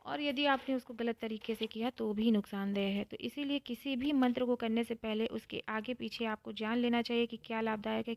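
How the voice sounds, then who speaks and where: A woman giving a calm devotional talk, explaining step by step and repeating phrases for emphasis. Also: a little high, dry recording. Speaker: spiritual teacher.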